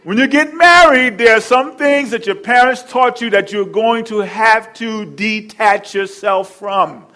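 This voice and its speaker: A male pastor preaching a sermon, telling stories with lively repetition and asides to the congregation. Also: high voice, measured pace.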